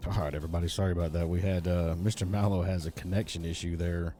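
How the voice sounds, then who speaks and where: A man's voice: low voice, level tone, fast talker, dark tone, faint music behind. A man, hosting and commentating a live esports racing event in a casual, joking way. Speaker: race event host and commentator.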